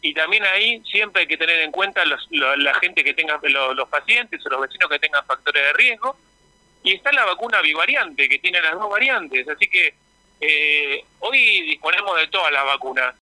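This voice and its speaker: A man's voice: on the high side, expressive, moderate pace, pushed and bright, no room sound, poor audio. A man with an Argentine Spanish accent, a health official explaining things in a radio interview. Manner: explanatory, informative.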